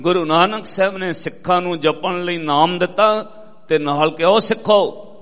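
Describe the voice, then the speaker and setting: A male preacher delivers a sermon to a congregation, his voice sitting a little high for a man. He slows down and intones scripture verses between his spoken explanations. The sound rings out with a long hall reverb. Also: a bit bright. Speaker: Sikh preacher.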